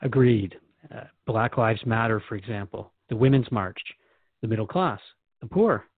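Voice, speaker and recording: A radio show host with a lowish voice speaks at a normal pace, engaged and reflective as he asks questions and paraphrases what he hears. The sound is dry with no echo, in a thin, phone-like band.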